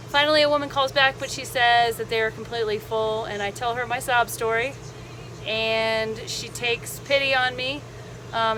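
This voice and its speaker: A woman with a fairly high voice tells a casual travel vlog story. Her delivery is animated and chatty, with a sarcastic lilt of mock enthusiasm. Clear vehicle-like background noise sits behind her. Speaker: travel vlogger. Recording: noisy vehicle ambience behind voice.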